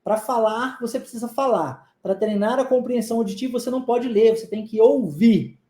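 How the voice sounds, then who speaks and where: Teacher drilling phrases, slow and roomy. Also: mid-range voice, warm tone. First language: Portuguese. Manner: drills phrases slowly, checks in often. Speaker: English teacher. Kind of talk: live online English lesson.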